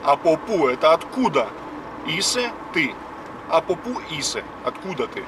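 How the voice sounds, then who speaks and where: This lesson host, a man in his fifties, explains words one by one in a chatty way while behind the wheel. His voice runs on the high side with big pitch swings at normal speed, heard through a dashboard camera's distant mic amid road noise.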